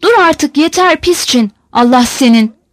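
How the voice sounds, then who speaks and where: A woman's voice: high-pitched, lively intonation, a little slow, no room sound. A woman reading aloud voices a fretful, pious old peasant mother who scolds her family and pleads to heaven. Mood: scolding grumble.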